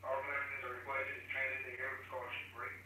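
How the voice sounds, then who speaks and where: A man reading a formal coast guard safety broadcast over marine radio, in a flat, rote delivery. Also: mid-range voice, fast, rough recording. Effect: marine VHF radio broadcast. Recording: radio transmission heard over a speaker.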